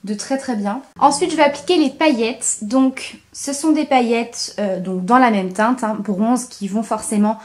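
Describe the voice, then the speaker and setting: A young woman talking through a makeup tutorial, enthusiastic, repeating words for emphasis and pausing with frequent hesitations. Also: a little high, a little mellow. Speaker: beauty vlogger.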